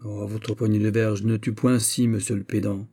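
A man plays a spiteful young nobleman who whispers poison into a friend's ear and sneers at his rivals. The voice is dark and husky, insinuating rather than loud. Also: lowish voice, flat delivery, normal speed. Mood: exasperated. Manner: insinuating, mocking, then exasperated. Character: scheming spiteful young male courtier.

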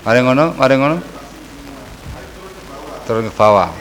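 A man, a religious teacher answering questions in a casual study session, lively and acting out the people he quotes. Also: medium pitch, moderate pace, long reverb tail, rough recording. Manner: lively, mixes Javanese phrases, acts out quoted people.

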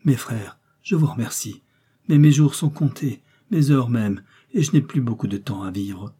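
A man's voice: mid-range voice, normal speed, dark tone, husky. A man reading aloud voices a dying old male missionary, weak and faltering. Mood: weary.

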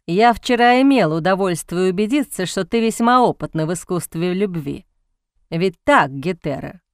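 A woman voicing a cold, cynical male aristocrat who speaks in a hoarse, mocking drawl in an audiobook. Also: lowish voice, animated, normal speed, no room sound, studio quality, voice pushed down.

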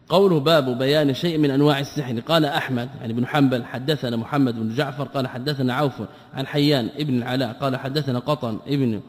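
A man's voice: on the high side, darkish tone. A man teaching a classical Islamic text, explaining each term and often asking rhetorical questions that he answers himself. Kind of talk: classical Arabic lecture. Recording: long hall reverb.

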